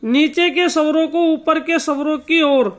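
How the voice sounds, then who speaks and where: Man teaching music, high voice. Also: steady tone, fairly bright tone. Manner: slow repetitive explanation, stretching out sung sargam notes. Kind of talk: spoken lesson with sung note examples.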